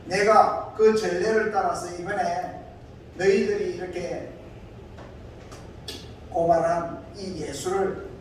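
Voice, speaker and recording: A preacher putting on a stern, overbearing governor. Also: male voice, sits high, darkish tone, a little hiss or hum. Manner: threatening, demanding questions. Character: stern domineering Roman governor, man. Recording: echoey hall, distant mic.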